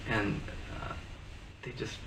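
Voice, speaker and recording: A man casually telling stories in an interview, rambling and halting with fillers. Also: a bit bright. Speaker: interviewee, band frontman. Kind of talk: casual storytelling. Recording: roomy, distant mic with background noise.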